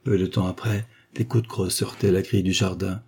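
Mellow low-voiced male storyteller. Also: husky. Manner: measured, even storytelling. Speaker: audiobook reader. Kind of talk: scripted narration of a short story.

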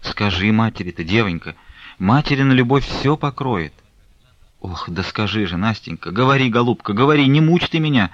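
A man's voice: medium pitch, lively intonation, moderate pace, a bit bright, no room sound, pitched above the performer's own voice. A man reading aloud voices an elderly pious mother who pleads and laments over her daughter, on a dull lo-fi recording. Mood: pleading.

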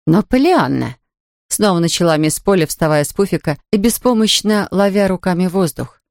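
A woman's voice: lowish voice, brisk, no room sound. Woman narrating a storybook, dry and close. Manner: even, expressive storytelling. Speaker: audiobook narrator. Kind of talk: scripted narration.

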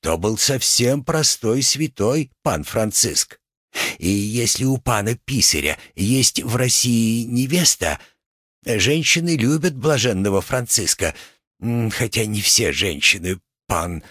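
A man's voice: mid-range voice, lively intonation, takes it slowly, fairly bright tone, dry recording, studio quality. A man voicing a sly old drunken church painter who talks in a wheedling, ingratiating way.

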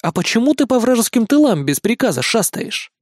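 A man's voice: very high voice, big pitch swings, a little fast, no echo, clean studio sound, pitched above the performer's own voice, heavily acted. A man voicing an eager young boy leader who gives firm, upbeat orders in a children's fantasy audiobook. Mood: commanding.

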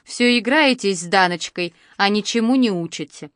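A woman voicing a bossy, fussy middle-aged woman who scolds and shouts orders. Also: mid-range voice, normal speed, clear, resonant tone, no echo, clean studio sound, natural voice. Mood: chiding. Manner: loud, scolding, exclamatory.

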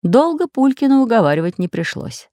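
A woman narrating a children's fairy tale audiobook with animated, theatrical delivery. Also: fairly high pitch, fairly quick, no room sound.

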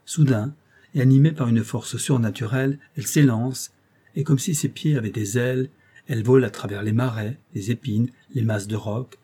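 A man reading a classic tale aloud in a measured, expressive literary manner. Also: medium pitch, husky. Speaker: audiobook narrator. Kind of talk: scripted narration of a classic tale.

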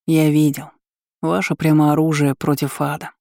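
A woman reading the lines of an earnest young male soldier who is devoted to his queen, in a fervent, hushed way. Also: low-pitched, level tone, moderate pace, gravelly, dry recording, studio quality.

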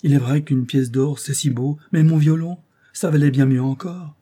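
A timid, grieving orphan boy violinist from a storybook, pouring out his sorrow in an emphatic, lamenting voice, as a man reading the tale puts him on. The tone is dark and a little husky. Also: a little high, steady tone, moderate pace, voice pushed up, close to an everyday voice.

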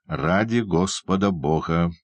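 A man voicing a grave, insistent older gentleman who speaks solemnly and slowly. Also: fairly low pitch, big pitch swings, vocal fry, no room sound, voice pushed up, full character voice. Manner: solemn, measured. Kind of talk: audiobook character voice.

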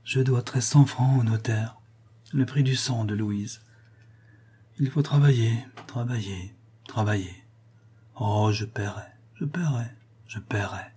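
A man voicing a crazed old craftsman in an audiobook, speaking softly and sadly in a repetitive murmur. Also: slow, pauses often, breathy edge. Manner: soft, sad, low murmur, repeating himself. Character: older male artisan gone mad, murmuring. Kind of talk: audiobook character reading.

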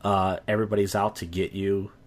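A man with a somewhat low voice talks on a casual podcast. He rambles, doubling back with fillers and restarts as he explains himself. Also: level tone, a little fast. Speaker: podcast host.

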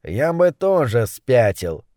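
Sly scheming tomcat, dry delivery, slightly low, voiced by a male reader. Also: sing-song, takes it slowly, mellow, dry recording. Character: sly clever male talking cat.

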